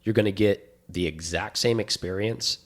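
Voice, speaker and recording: This podcast co-host speaks at an ordinary speed with a fairly low male voice. His casual talk is eager and wandering, full of lively storytelling.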